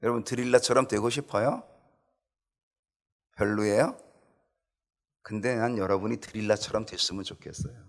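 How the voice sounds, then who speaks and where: A man's voice: moderate pace, long pauses. A man preaching a Bible study sermon, acting out quoted lines with rising emotion. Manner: animated preaching, acts out quoted pleas in high voice. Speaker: pastor.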